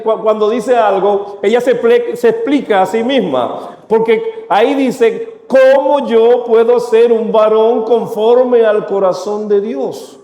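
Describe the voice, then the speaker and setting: A man's voice: high voice, mellow. A man preaching a sermon to his congregation, asking them rhetorical questions. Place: church. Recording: echoey church hall.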